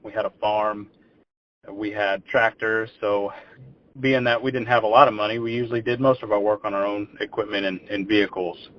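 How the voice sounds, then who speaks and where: This fairly low-pitched male voice keeps a steady tone at a normal speed, with slight noise in the background. He's a twenty-something from Texas, rambling casually through his story as a podcast guest and doubling up words at the start of phrases, all captured in dull lo-fi sound.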